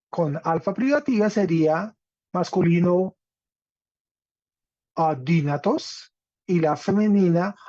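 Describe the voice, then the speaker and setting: A man with a high, dark-toned voice teaches a Greek class online, explaining things step by step and frequently checking in with his students. The audio is dull, dry, and lo-fi, with no echo.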